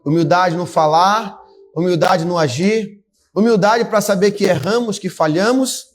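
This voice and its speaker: A fervent pastor with a fairly high voice preaches to his congregation. He exhorts them with rising emphasis and calls out to the people in the pews. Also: a little slow. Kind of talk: sermon. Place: church service.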